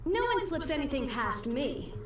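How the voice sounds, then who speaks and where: High-voiced Southern game recruit, lively and reassuring, distant roomy capture. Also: female voice, moderate pace, a little hiss or hum. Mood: assured. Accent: Southern American. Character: cheerful, self-assured female adventurer recruit. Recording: roomy game audio from afar with music.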